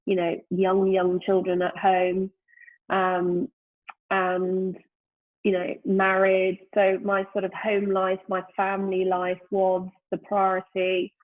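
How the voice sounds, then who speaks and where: A woman's voice: mid-range voice, monotone, takes it slowly. A woman in her fifties, a guest in a casual interview, talks thoughtfully and often searches for words with "you know.". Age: 50s. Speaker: guest, brand founder. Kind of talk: reflective casual conversation. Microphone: remote call during lockdown. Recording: tinny phone-like call line.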